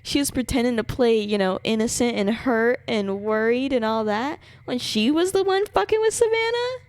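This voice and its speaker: A woman with a fairly high voice live-streams a game at a normal speed, with no echo and game music in the background. She reacts expressively with incredulity and swearing, and reads game text aloud dramatically.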